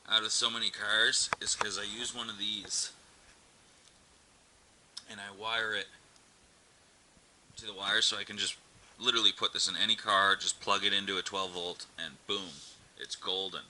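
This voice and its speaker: This vlogger's voice sits on the low side, delivered flatly at a moderate pace with frequent pauses, sounding pushed and bright. He hosts a DIY car channel, casually narrating a practical job with some crude slang thrown in. The amateur camera recording is noisy and full of clicks.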